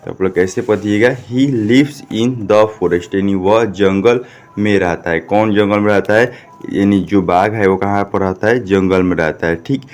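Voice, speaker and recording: Deep-voiced male teacher. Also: fairly even intonation, normal speed, clear, resonant tone. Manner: repeats "ठीक?" often, asks and answers his own questions. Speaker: English teacher. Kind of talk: classroom lesson, spelling out words.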